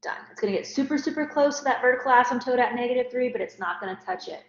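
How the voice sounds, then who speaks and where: A woman's voice: a little high, fast talker. Woman talking through math steps. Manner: step-by-step, explanatory. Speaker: math teacher. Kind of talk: recorded math lecture. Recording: roomy, dull lo-fi recording.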